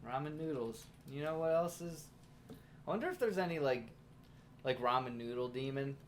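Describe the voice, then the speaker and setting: A man's voice: medium pitch, animated, normal speed, slight background noise. A man co-hosting a comedy podcast, bantering in a goofy, playful way. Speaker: podcast co-host. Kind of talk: casual comedic chat.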